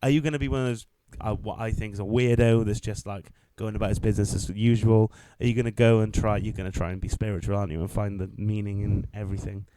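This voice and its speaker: A young man co-hosting a podcast, telling a story in lively casual chat, swearing freely and acting out what people said. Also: fairly low pitch, fast, few pauses, noisy background. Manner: animated storyteller, swears freely, acts out quotes. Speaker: podcast co-host.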